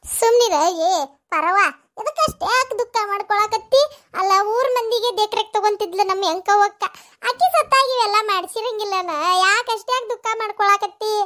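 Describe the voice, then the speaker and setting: A woman voicing Shantakka, a chatty, gossipy village woman with a North Karnataka accent, scolding and quick in a cartoon. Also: very high voice, fairly bright tone. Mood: chiding. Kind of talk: cartoon voice acting.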